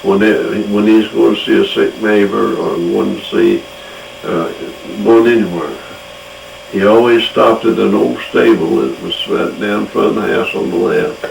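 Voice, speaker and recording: A man's voice: fairly low pitch, unhurried, vocal fry. An older man, rambling through childhood memories of his grandfather. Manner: rambling, repetitive recollection. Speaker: storyteller. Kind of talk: casual reminiscing. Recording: echoey room, distant mic, faint noise.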